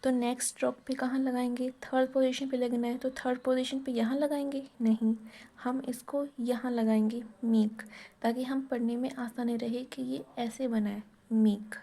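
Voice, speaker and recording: A woman's voice: on the high side, little pitch movement, normal speed, warm tone. A woman teaching shorthand in a casual step-by-step lesson, asking and answering her own questions as she writes.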